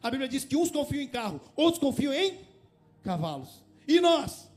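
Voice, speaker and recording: High-voiced pastor preaching. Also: male voice, moderate pace. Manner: lively and conversational, with rhetorical questions and sudden passionate rises. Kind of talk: sermon. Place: church.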